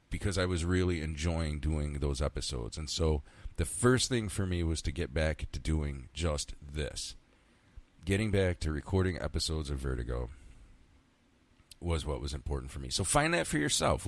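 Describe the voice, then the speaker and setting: 50-something guy hosting his own podcast, real low voice, dry close sound, rambles and swears a lot. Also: a little mellow, no room sound. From central New York. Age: 50s. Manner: rambling, candid, swears freely, talks to himself. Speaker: podcast host. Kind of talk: casual solo podcast monologue.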